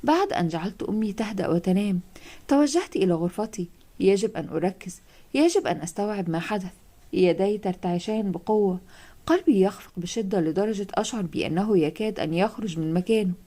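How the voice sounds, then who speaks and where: A woman narrating a first-person horror audiobook, reading steadily with hushed asides. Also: medium pitch, expressive, quick pace.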